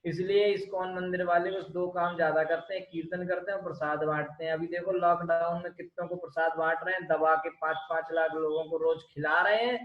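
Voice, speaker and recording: A man giving a lively devotional scripture talk, often asking his listeners rhetorical questions. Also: a little high, brisk, few pauses. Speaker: spiritual lecturer. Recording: echoey dull room recording.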